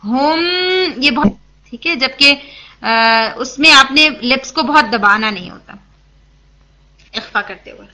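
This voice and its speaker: A woman gives a patient tajweed lesson, her voice high and very bright. She asks and answers her own questions and checks that listeners follow. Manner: patient, explanatory, mixes English words into Urdu. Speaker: Quran recitation teacher. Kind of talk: tajweed lesson, explaining and demonstrating.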